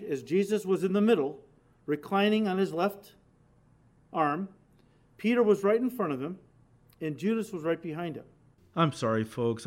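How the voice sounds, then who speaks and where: Male pastor, sermon teaching; emphatic and conversational, talks straight to the congregation, higher-pitched voice. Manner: emphatic, conversational, addresses listeners directly.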